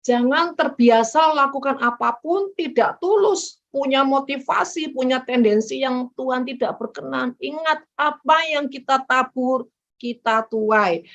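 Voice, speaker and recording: Lively woman preacher, muffled sound. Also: sits high. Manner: lively, acts out quoted voices, addresses listeners directly. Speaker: evangelist preacher. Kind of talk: sermon. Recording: dull muffled recording.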